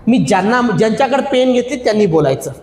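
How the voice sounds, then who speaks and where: A man's voice: high-pitched, expressive, quick pace. A male teacher with a Vidarbha Marathi accent, running a call-and-response grammar lesson with a class, teasing and scolding playfully and stretching out key words. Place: classroom with students. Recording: echoey classroom, faint room noise.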